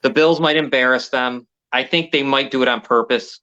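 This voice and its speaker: A man's voice: mid-range voice, moderate pace, bright, forceful tone, highs cut off. A man co-hosting a sports betting show, rambling through game picks in casual chat and swearing now and then. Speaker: sports betting podcast co-host.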